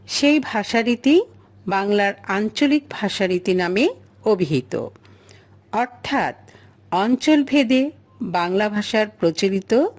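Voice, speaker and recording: A woman teacher walks her class through a chart. She speaks slowly in a fairly high voice that rises and falls a great deal. She puts questions to the pupils and then answers them herself. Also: a little mellow. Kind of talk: classroom lesson explaining a chart.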